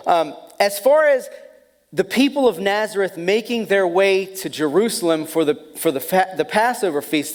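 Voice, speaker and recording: A man preaching a sermon as pastor, telling a personal story with animated, self-deprecating humor. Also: sits high. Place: church sanctuary. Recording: long hall reverb.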